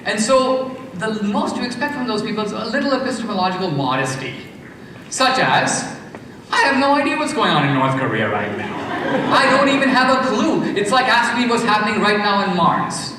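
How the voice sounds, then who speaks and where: A man's voice: high-pitched, sing-song, normal speed, noisy background. A man from India speaking in an emphatic lecture style, counting off his points and asking rhetorical questions. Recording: echoey hall, far from mic.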